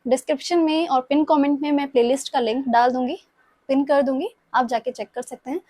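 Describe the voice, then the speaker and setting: A woman's voice: sits high, fairly even intonation, fairly quick, darkish tone, dry recording, clean studio sound. A young woman with a sore throat, patiently explaining Spanish grammar for exam students and often checking in with her listeners. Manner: patient, repeats points, checks in with "ठीक है?". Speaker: Spanish tutor.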